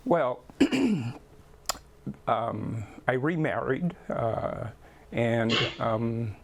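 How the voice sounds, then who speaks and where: Slow, gravelly older man from the Bahamas. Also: medium pitch, sing-song. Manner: slow, thoughtful, with many pauses and fillers. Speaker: guest. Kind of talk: interview answers.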